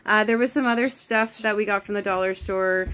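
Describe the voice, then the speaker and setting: A woman's voice: mid-range voice, fairly even intonation, brisk, noisy background. A woman in her thirties from Canada, chatting casually through a home grocery haul video and rambling with lots of ums. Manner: chatty, rambling with many ums, asides to kids. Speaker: vlogger. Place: home kitchen indoors. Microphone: phone camera held close.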